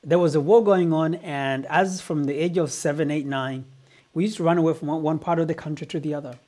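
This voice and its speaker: A man's voice: on the high side, fairly even intonation, a little fast, darkish tone. Earnest man from Uganda coaching business. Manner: earnest storytelling, repeats words. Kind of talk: motivational talk.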